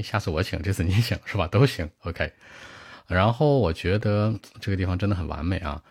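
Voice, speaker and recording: A Chinese man teaching English, switching between Mandarin and English as he unpacks words and phrases. His voice sits very low and deep. The sound is dry and close, with no room echo. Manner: explains vocabulary at length with asides and rhetorical checks. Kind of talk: IELTS speaking lesson, mixing Chinese and English.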